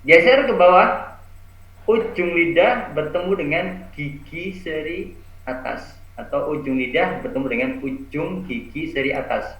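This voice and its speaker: A man teaching Quran letter pronunciation over a video call, slowly modelling each sound and repeating it. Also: fairly high pitch, a bit bright. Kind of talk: online recitation lesson. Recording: echoey, dull video-call audio.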